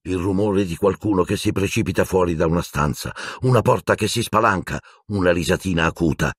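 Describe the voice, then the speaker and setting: A man narrating an audiobook in an expressive, dramatic storytelling manner. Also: sits low, brisk, slightly rough, dry recording, studio quality. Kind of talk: scripted narration.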